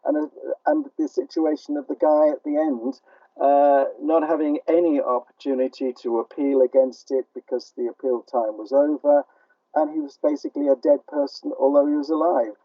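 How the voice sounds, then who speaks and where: An older British man, his voice a little high and his pace normal, answers interview questions as a playwright in a conversational, slightly hesitant way. There's no echo, and he's heard over a remote call line that sounds dull and band-limited.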